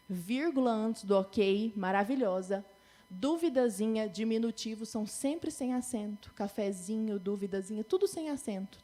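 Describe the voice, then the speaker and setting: High-voiced, animated Brazilian woman speaker. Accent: Brazilian Portuguese. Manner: animated, playful, quotes messages in mock voices. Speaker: conference speaker. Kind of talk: lively stage talk on business writing. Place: conference stage.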